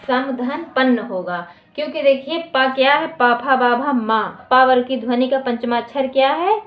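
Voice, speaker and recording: A woman teacher giving a grammar lesson at a board. She asks her students questions and answers them herself, and she repeats each definition slowly. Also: fairly high pitch. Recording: echoey dull lo-fi room recording.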